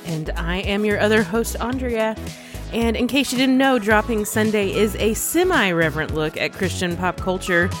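A woman co-hosting a casual podcast, sleepy from just waking up, chatty and quick to laugh. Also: mid-range voice, faint music behind. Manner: chatty, laughs easily, quotes herself. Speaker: podcast co-host.

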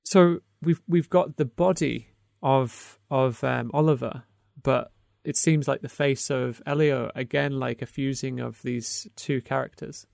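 A man's voice: medium pitch, steady tone, unhurried, gravelly, hardly any pauses, a little mellow, dry recording, studio quality. A man co-hosting a podcast, talking casually and hesitantly about a film, with many ums and restarts. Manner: hesitant, full of ums and restarts, laughs often. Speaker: podcast co-host.

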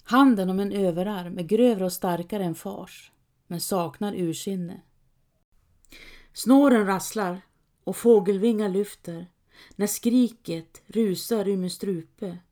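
A woman's voice: on the low side, warm tone. Woman narrating a tense audiobook. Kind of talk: first-person audiobook narration.

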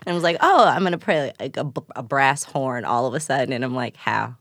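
A woman's voice: a bass voice, lively intonation, fairly quick, no echo, clean studio sound. A woman in her late twenties from Chicago, chatting casually as a guest, with frequent laughs, swearing and fillers. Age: 20s. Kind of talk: casual chat.

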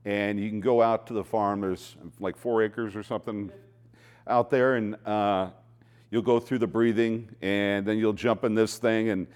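A man's voice: lowish voice, fairly even intonation, unhurried, darkish tone, clear, resonant tone. Casual, joking male talk show host. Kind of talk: casual, joking interview chat.

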